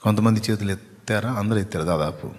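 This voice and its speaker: A man's voice: on the low side, quick pace. Preaching man in a reverberant hall. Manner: emphatic, questions the congregation. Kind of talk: sermon.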